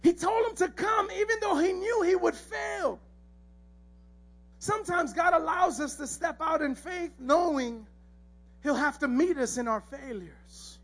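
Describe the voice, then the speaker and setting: A man's voice: very high voice, a little slow, fairly bright tone. A male pastor, preaching a sermon and acting out the characters' voices as he tells the story.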